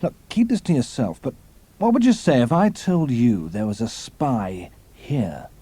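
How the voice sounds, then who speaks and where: An actor playing a boastful, suspicious drunken traitor in an audio drama, with slightly slurred speech. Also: male voice, mid-range voice, very animated, measured pace, mellow, breathy edge, dry recording. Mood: confiding, tipsy.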